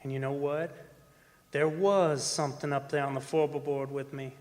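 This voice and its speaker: On a performing arts center stage, an actor in a live radio drama plays a haunted, defensive oil rig worker narrating an eerie horror tale in the first person. His slightly high voice stays fairly even as he speaks in a hushed, folksy, halting way, repeating words for suspense in a lightly acted performance. The stage recording is very noisy, with reverberation from the hall and music behind him.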